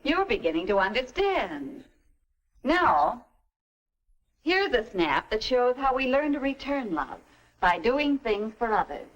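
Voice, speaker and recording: An actress playing a middle-aged, gentle and wise American mother in a stagy 1950s educational film, explaining things in a measured, tidy way. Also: a little high, big pitch swings, poor audio. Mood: gently instructive.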